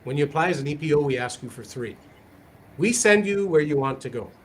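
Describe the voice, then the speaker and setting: A man's voice: on the high side, lively intonation, fairly quick. Upbeat, direct male police recruiter. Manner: direct, upbeat, myth-busting, conversational. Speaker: police recruiter, session host. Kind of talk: live Q&A session talk.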